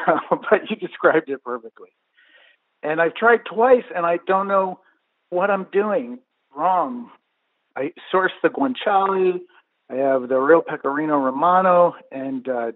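A man's voice: a little high, expressive, a little slow, no echo. A man from California calling into a radio show over the phone, eager and laughing nervously as he explains his problem. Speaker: caller. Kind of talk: radio call-in question. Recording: tinny phone line.

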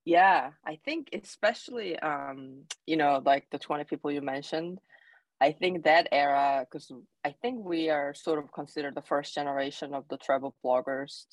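A South Korean woman in her thirties, a travel blogger appearing as a guest, chats freely in casual interview answers, using lots of "you know" and "like." She speaks with a Korean accent in a low voice at a moderate pace. The recording is dry and the audio poor.

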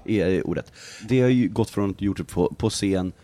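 A man hosting a podcast, asking questions in a casual, halting way with repeated words. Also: lowish voice, warm tone. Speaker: podcast host. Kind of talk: casual interview.

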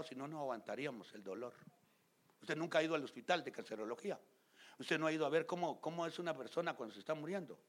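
A man preaching a fiery sermon as pastor. He talks straight to the congregation, gets loud and emphatic, and acts out scenes in other voices. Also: on the high side. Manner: loud and emphatic, often shouting.

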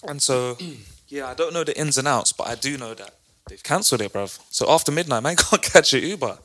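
Young london bloke, roadman accent, middle pitch, slangy casual talk with mates. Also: fairly quick, fairly bright tone. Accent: London, urban street. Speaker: podcast co-host.

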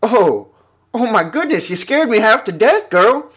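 A man voicing a ranting old father, loud and scandalized. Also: high-pitched, sing-song, measured pace, breathy edge, pitched above the performer's own voice, heavily acted. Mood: relieved.

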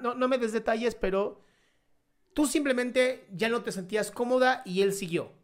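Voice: mid-range voice, moderate pace. An advice show host who cuts in bluntly and calls the caller by pet names. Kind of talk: frank advice talk.

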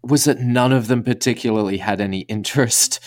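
A man's voice: mid-range voice, brisk, dry recording, clean studio sound. A man co-hosting a podcast, talking things through in a thoughtful, conversational way with a bit of slang. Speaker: podcast co-host. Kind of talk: casual chat.

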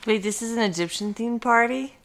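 A woman's voice: a little high, brisk, a bit bright. A woman playing in a tabletop game, chatting in a teasing, casual way. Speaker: player. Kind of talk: casual tabletop role-play.

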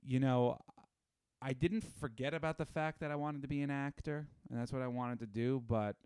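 A man's voice: mid-range voice, moderate pace, clean tone, no room sound, clean studio sound. A man in his thirties, a guest telling stories in casual chat with lots of fillers. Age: 30s. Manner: animated storyteller with many fillers. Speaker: podcast guest.

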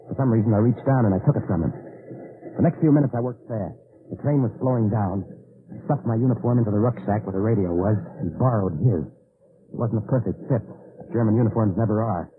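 An actor playing a weary, earnest undercover agent in an old-time AM radio drama, with clipped, haunted delivery. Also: male voice, on the low side, noisy background, close to an everyday voice. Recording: tinny old AM radio recording.

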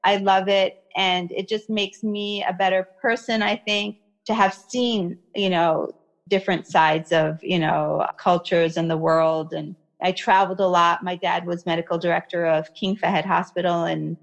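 This woman has a lowish, gravelly voice with fairly even intonation and a normal pace, though the audio sounds dull. Raised in America by an Iraqi family, she's a skincare expert guest explaining her field in a conversational interview, with frequent "you know"s.

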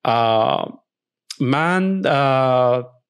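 A startup founder from Iran in a casual podcast conversation, often dropping English phrases and filling pauses with "uh" and "you know". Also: male voice, mid-range voice, lively intonation, clear, resonant tone. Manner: mixes English phrases into Persian, frequent "uh" fillers and "you know". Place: Canada.

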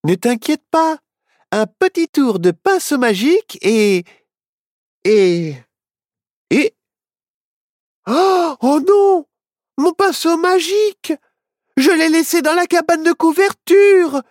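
A woman voicing a clever, cheerful little girl witch who speaks in excited exclamations in a children's storybook. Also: a little high, takes it slowly, long pauses, no echo, clean studio sound, pitched above the performer's own voice. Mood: dismayed.

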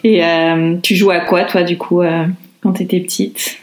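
A woman's voice: on the low side, flat delivery, a little slow, rough recording. Casual woman asking interview questions.

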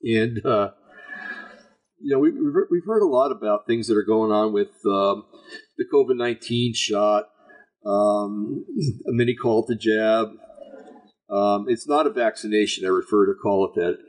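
A man hosts an informal online religious talk in a gravelly, husky voice that sits on the low side. His delivery is folksy and halting, rambling along as he addresses his listeners. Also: rough recording. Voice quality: raspy, gravelly voice. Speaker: online show host. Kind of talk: informal religious commentary to a live audience.

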